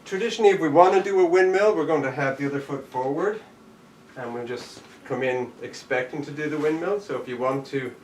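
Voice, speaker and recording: The instructor's voice sits on the high side and moves briskly as he leads a live online jujitsu session. He demonstrates moves while talking them through and counting out each step. The recording is echoey, with a distant mic and faint background noise.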